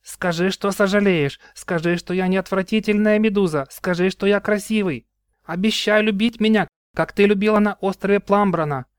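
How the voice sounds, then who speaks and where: A sly, self-pitying sea creature who was once a man, his voice pitched up and sneering, as a male narrator puts him on. He mocks and sulks in a smooth, dry storybook delivery. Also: brisk, hardly any pauses, no room sound, lightly acted. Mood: bitter. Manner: mocking, sulky, self-pitying. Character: sly resentful man turned sea monster.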